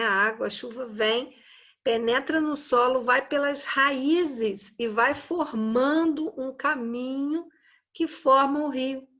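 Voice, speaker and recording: Slow, patient Brazilian woman teacher. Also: sits high, fairly bright tone. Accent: Brazilian Portuguese. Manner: slow, patient, explanatory, frequent "né?" tags. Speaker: schoolteacher. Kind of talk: recorded online class for children.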